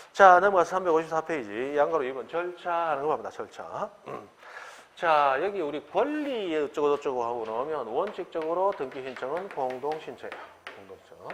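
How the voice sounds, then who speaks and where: A middle-aged man gives an animated exam-prep law lecture, often firing rhetorical questions at the class. His voice sits a little high for a man. It rings with the long reverb of a lecture hall. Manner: animated, acts out quoted dialogue, rhetorical questions.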